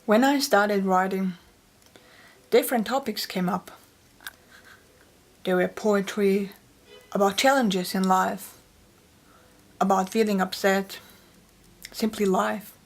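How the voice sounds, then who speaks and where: Soft-spoken woman, flat delivery. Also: medium pitch, slow, pauses often. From Austria. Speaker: poet and author. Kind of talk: personal interview storytelling.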